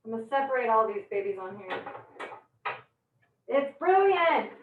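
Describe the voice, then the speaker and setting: A woman's voice: mid-range voice, rapid-fire, roomy sound, narrow, tinny audio, noisy background. A woman teaching a live online cooking class, chatty and bubbly, teary-eyed from chopping onions. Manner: bubbly, chatty, laughs at her own jokes.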